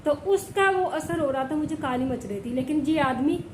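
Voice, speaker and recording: A woman with a high voice talks straight to the camera while sick with a fever, complaining and repeating herself. She keeps checking in with her viewers. The room is echoey and loud noise runs behind her. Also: moderate pace. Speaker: village vlogger. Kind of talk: casual vlog talk to camera. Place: home indoors.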